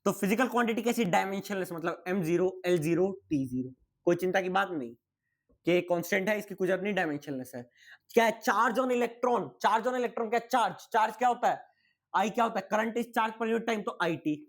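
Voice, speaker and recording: A man's voice: high-pitched, brisk. A young man teaching physics in a casual, chatty exam-prep lecture, asking and answering his own questions and sounding tired.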